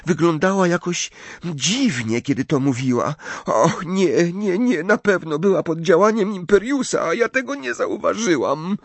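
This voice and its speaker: A man's voice: slightly rough, no echo. A man doing a tearful schoolgirl. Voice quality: high, tearful, pleading. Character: teenage schoolgirl, distraught and tearful.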